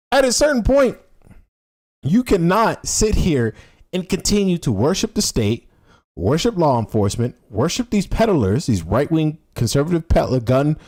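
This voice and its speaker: Sarcastic man ranting, wildly swinging pitch. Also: darkish tone. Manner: sarcastic, scornful exposé; profane, emphatic, with rhetorical questions. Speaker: political livestreamer. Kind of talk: unscripted political rant on a livestream.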